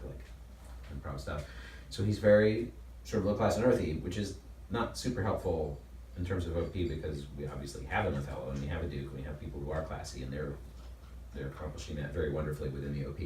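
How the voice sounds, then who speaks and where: A man, a stage actor, talking casually about his craft, thinking aloud in an animated way. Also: rumbling low, quick pace. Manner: animated, thinking aloud, illustrating with acted-out lines. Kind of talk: casual discussion of acting. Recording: echoey room, distant mic, faint noise.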